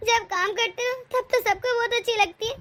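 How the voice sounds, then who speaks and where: A woman's voice: very high-pitched, a little fast, fairly bright tone, slight background noise. A woman voicing a young pregnant daughter-in-law who pleads tearfully in a cartoon story. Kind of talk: cartoon voice acting.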